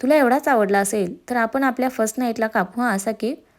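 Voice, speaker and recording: A woman's voice: fairly high pitch, brisk, lightly acted. A woman voicing a playful, teasing young man in a romance story, with a slightly raised voice. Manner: teasing, jokey.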